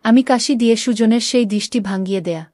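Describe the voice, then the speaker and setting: Woman narrating a story, mellow. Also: a little high, fairly quick, no room sound, studio quality. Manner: reads all characters in her own voice with small shifts. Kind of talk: first-person story narration.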